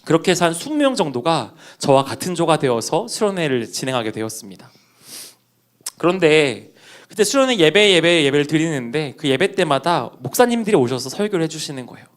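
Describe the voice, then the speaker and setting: Young male preacher, storytelling sermon, lively and fairly high. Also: brisk. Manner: personal anecdote with quoted dialogue, addresses congregation.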